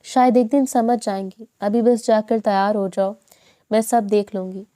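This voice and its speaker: A woman voicing a gentle, hardworking young woman who speaks softly. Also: mid-range voice, steady tone, no room sound, clean studio sound, natural voice. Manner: soft, hurried.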